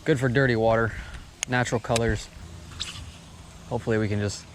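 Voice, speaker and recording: A man's voice: medium pitch, steady tone, fairly quick. A man chatting casually in an outdoor fishing vlog, with frat-bro slang and hyped exclamations. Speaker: angler filming a fishing video. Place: outdoors by the water. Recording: outdoor recording with clear background noise.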